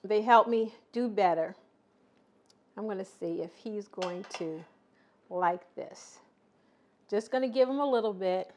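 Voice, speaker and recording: A woman's voice: mid-range voice, a little slow, long pauses, a little mellow. Chatty woman hosting a cooking demo. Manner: chatty, teasing. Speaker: cooking show host. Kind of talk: casual cooking demonstration.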